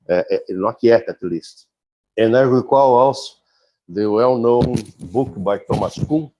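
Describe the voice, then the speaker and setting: Halting, lower-voiced man giving an academic lecture. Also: darkish tone. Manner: halting, with frequent restarts and fillers; deliberate, explanatory. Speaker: philosophy professor giving a talk.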